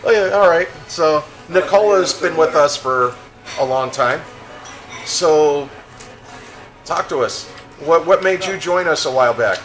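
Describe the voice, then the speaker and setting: A man's voice: a little high, lively intonation, measured pace, long pauses, a bit bright, faint music behind, poor audio. A man hosting a casual meetup in a restaurant, chatting with guests and telling stories with jokes. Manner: chatty, storytelling, joking. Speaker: meetup host.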